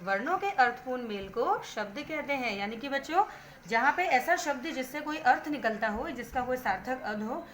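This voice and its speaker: Patient Hindi teacher woman, slightly high voice. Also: animated, normal speed, fairly bright tone. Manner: patient, spells out words sound by sound. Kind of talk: online grammar lesson for children.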